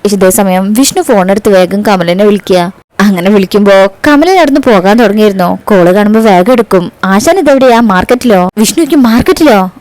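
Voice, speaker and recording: A woman's voice: medium pitch, brisk, darkish tone, no echo, poor audio. A woman hosting a TV serial recap, retelling an episode in a casual, chatty way and calling her listeners bro.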